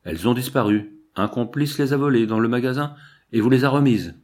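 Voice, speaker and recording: A man's voice: mid-range voice, fairly quick, a little mellow, natural voice. A man voicing a stern, curt prison director in an audiobook. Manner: curt, hard tone. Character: stern middle-aged male prison director.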